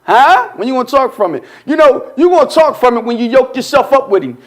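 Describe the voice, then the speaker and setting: A man, a pastor, teaching a Bible study in a church in colloquial call-and-response style, often asking "huh?" and moving between quiet asides and shouted emphasis. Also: extremely high pitch, lively intonation, fast. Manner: call-and-response preaching, repeats "huh?" to the congregation.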